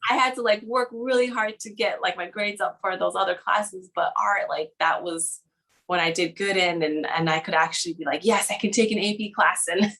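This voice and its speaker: A young woman with a bright, clear voice, chatting in an easy way as an interview guest. She laughs often and fills her talk with "like" and "um". She grew up in Hawaii and Southern California. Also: medium pitch, fairly even intonation, normal speed, rough recording. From Hawaii, raised in Southern California. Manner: chatty, giggly, many fillers like "like". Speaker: children's book illustrator, guest. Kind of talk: casual interview chat.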